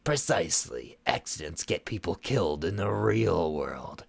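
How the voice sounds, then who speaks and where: Figure: cold scheming sorceress woman, read by a man. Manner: sickly sweet menace, low and gravelly. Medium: fan fiction read aloud. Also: big pitch swings, measured pace, heavily acted. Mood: menacing.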